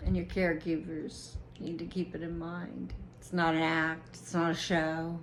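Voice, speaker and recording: A woman vlogger speaking earnestly and deliberately about her own experience, with occasional restarts. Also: sits low, little pitch movement, a little hiss or hum, poor audio. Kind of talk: personal reflective monologue to camera.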